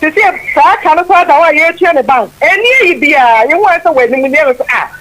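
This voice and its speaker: A Ghanaian-accented woman calling in on the phone, explaining herself in a measured, defensive way. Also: sits high, expressive, fairly bright tone, rough recording. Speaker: caller, the footballer's sister. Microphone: phone line.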